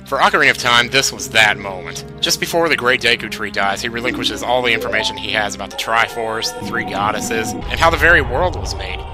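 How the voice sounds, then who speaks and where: A man with a lowish voice hosts a video game countdown, reading scripted narration fairly quickly with hardly any pauses. His delivery is conversational and slangy with wry asides, and music plays behind him.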